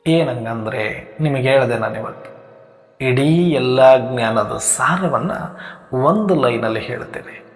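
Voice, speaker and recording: A man's voice: mid-range voice, unhurried, soft background music. A man giving a reflective spiritual talk, asking rhetorical questions and building long repeated lists. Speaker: spiritual teacher. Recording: echoey hall with long reverb.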